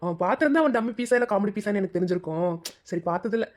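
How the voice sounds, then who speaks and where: A man's voice: high voice, lively intonation, rapid-fire. A man playing a cocky, teasing young kidnapper with a mocking manner in a comic melodrama. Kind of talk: melodramatic comic story dialogue.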